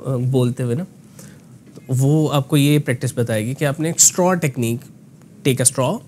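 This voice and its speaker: A man coaching voice work in a relaxed, explanatory conversation, often slipping English phrases into his talk. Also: medium pitch, moderate pace, slight background noise. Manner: explanatory, mixes in English phrases, frequent "ना" tags. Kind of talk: conversational voice lesson.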